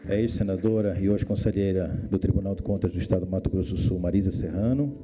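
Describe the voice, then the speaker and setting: A man's voice: low voice, quick pace, lo-fi sound. A man from Portugal with a Portuguese accent moderating a conference debate in a hesitant, self-deprecating way, using fillers as he calls the speakers. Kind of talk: formal moderation.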